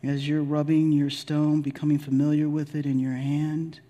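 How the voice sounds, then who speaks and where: A man leading a guided spiritual meditation in a deliberate, soothing, gently instructive way with long pauses. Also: fairly high pitch, completely flat delivery, lo-fi sound. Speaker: spiritual leader guiding a meditation.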